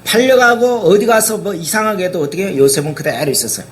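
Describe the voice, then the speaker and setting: A man's voice: sits high, lively intonation, quick pace. A man preaching a sermon as pastor, constantly asking his listeners rhetorical questions and dramatically acting out the words of biblical figures.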